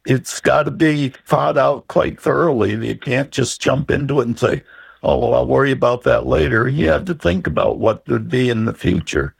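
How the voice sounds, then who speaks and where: An older man, a transplant recipient being interviewed, recalls his own experience in a casual, plainspoken way. His mid-range voice is creaky with a breathy edge, and he speaks at a moderate pace.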